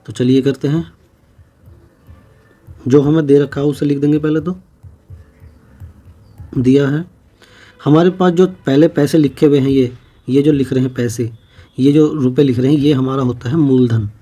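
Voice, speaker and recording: A man with a mellow, darker voice of ordinary pitch teaches an exam-prep maths class. He talks through each problem slowly and methodically, repeating every figure as he writes it. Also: steady tone, soft background music.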